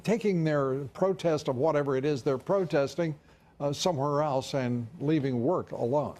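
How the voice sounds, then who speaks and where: An older male TV news host who leads a panel and pauses often with fillers. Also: on the high side, a little mellow. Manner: hesitant with many fillers. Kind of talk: cable news anchor segment.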